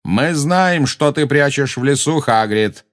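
A man's voice: on the low side, close to an everyday voice. A man voicing a cold, stern centaur leader. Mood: threatening. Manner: cold, slow, menacing.

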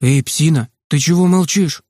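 A man's voice: fairly high pitch, normal speed, dark tone, no echo, studio quality, natural voice. A man reading aloud voices a bold boy at summer camp who exclaims and calls out. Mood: excited.

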